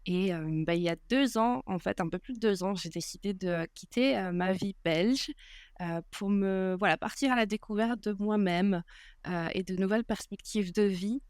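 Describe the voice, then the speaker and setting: A young woman talks as a podcast guest in a relaxed, unhurried way. She pauses often and fills gaps with small hesitations. Her voice is smooth and resonant, and the recording is dry with no room sound. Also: mid-range voice, no echo. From Belgium. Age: 20s. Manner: hesitant, many filler pauses. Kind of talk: casual interview chat.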